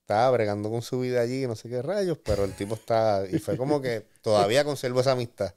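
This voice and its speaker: A man's voice: medium pitch, fast, darkish tone, smooth. A man from Puerto Rico with a Puerto Rican accent, telling a long rambling anecdote in casual slangy chat. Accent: Puerto Rican Spanish. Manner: rambling, slangy storytelling with restarts. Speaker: guest storyteller.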